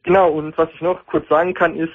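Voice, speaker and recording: A man's voice: a little high, little pitch movement, brisk. A young man calling a radio show and talking casually, with lots of fillers. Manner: casual, filler-heavy talk. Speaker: caller. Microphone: telephone. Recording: tinny phone line.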